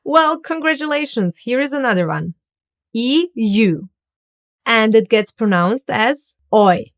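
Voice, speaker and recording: A woman's voice: on the high side, expressive. A woman narrating a scripted beginner language lesson, carefully demonstrating how words are pronounced. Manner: slow, careful pronunciation demonstrations. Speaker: language teacher.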